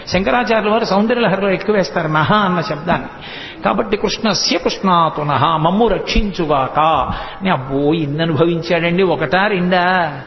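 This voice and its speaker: Devotional speaker, male, high voice, lively storytelling with chanted verses, roomy hall, dull sound. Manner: animated storytelling, chants verses in a sing-song tone. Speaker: spiritual discourse speaker.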